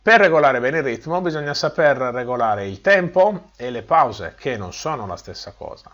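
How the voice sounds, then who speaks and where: A man's voice: lively intonation, moderate pace, a bit bright. A man giving a video lesson on using the voice, explaining tone, volume and pace and demonstrating each one aloud. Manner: demonstrative, swings pitch and volume for examples. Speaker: voice and communication coach.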